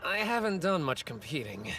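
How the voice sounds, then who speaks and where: A man's voice: on the high side, sing-song, normal speed, fairly bright tone, slight background noise. A man voicing a short, fiercely determined teenage sumo wrestler in an anime dub, blunt and confident. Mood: steady.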